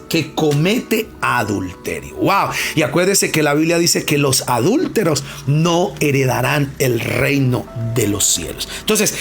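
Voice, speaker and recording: A pastor, preaching emphatically and asking the congregation rhetorical questions. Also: male voice, fairly high pitch. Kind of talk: sermon.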